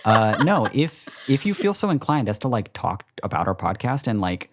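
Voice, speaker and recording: A man's voice: on the low side, big pitch swings, moderate pace, noisy background. A man in his twenties, co-hosting a podcast in casual chat, rambling with lots of swearing and self-mockery. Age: 20s. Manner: rambling, profane, self-deprecating. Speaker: podcast co-host.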